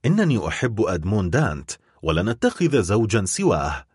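A calm young woman with a composed, steady manner, as a male narrator puts her on in a storybook reading. The voice sits higher than his own and swings widely in pitch, with a husky edge. It is recorded dry and close. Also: brisk, dry recording. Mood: calm firm. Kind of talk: audiobook character voice.

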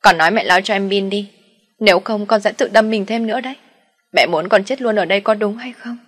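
A woman's voice: medium pitch, fairly quick, pitched above the performer's own voice, close to an everyday voice. A woman voicing a desperate wounded young boy who pleads and insists, in an audio story. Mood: insistent.

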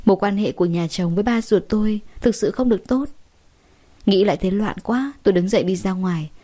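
A young woman tells a first-person story in a steady, dramatic way. Her voice has a mellow, dark tone at a middle pitch. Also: a little fast.

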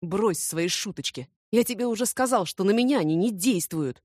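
A woman's voice: mid-range voice, animated, normal speed, a little mellow, no room sound, clean studio sound, close to an everyday voice. A woman voicing a shy, stubborn young male student who grumbles irritably. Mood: annoyed.

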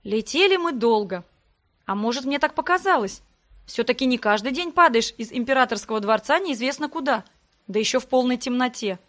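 A woman giving a lively, expressive first-person audiobook narration. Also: on the high side, fairly quick.

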